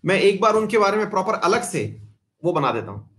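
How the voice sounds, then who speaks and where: A man teaching a live online history class, chatty and often addressing his students warmly, mixing English terms into his talk. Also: high voice, big pitch swings, fairly quick. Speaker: exam-prep teacher.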